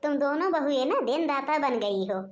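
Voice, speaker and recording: A chatty, sensible elder daughter-in-law from a cartoon, as a woman voices her. She talks at length, explaining her point, in a very high voice. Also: lively intonation, normal speed, dull audio. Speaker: cartoon narrator and voice actor. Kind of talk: cartoon voice acting.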